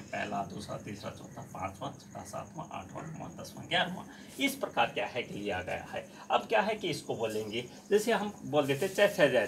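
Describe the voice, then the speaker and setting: A man teaching Hindi grammar in a lesson, repeating a filler phrase often and loudly demonstrating sounds. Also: medium pitch, slight background noise. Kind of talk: classroom-style lesson.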